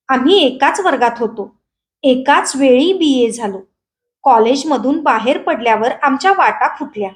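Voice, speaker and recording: A woman reading a short story aloud in a steady, expressive storytelling manner. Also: sits high. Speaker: story reader.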